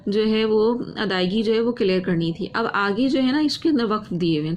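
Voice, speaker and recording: A woman teaching Quran reading, who drags out each word twice in slow recitation, then explains quickly, asking and answering her own questions. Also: on the high side, slight background noise.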